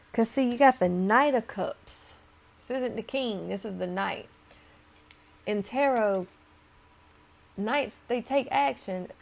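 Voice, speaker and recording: A woman's voice: mid-range voice, creaky. A woman tarot reader talking casually to her viewers as she turns cards, chatty and playful, breaking into laughs between points.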